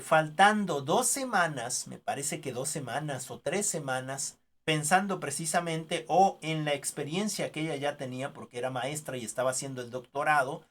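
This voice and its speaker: A man with a Mexican Spanish accent teaching a graduate research class online, speaking conversationally with frequent tag questions and fillers. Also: fairly high pitch. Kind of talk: online class, telling a personal anecdote. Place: home, remote online class. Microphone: computer mic on a video call.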